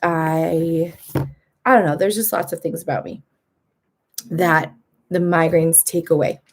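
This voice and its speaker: This thirty-something vlogger speaks with a deep voice, a steady tone and a measured pace as she chats candidly to camera. Laughing often, she performs other people's words in a raised voice.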